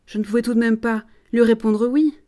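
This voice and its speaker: A woman's voice: fairly high pitch, steady tone, fairly quick, mellow, close to an everyday voice. A woman voicing an earnest, devout young peasant girl in a read-aloud play. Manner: earnest, pleading.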